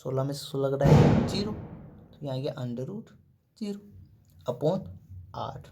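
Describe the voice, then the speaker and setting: In a warm, fairly high voice, a man leads a math lesson step by step. He often says "ठीक है" and "देखो" as he poses questions and then answers them himself.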